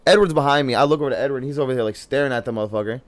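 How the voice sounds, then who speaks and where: A young man co-hosting a podcast, telling a story in casual, profane chat and loudly quoting himself. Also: medium pitch, rapid-fire. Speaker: podcast co-host.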